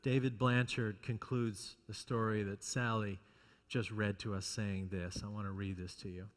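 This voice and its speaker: A man preaching a solemn pulpit sermon in a deliberate manner, with dramatic pauses and repeated phrases. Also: lowish voice, little pitch movement. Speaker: preacher giving a homily. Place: large church interior. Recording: echoey hall with long reverb.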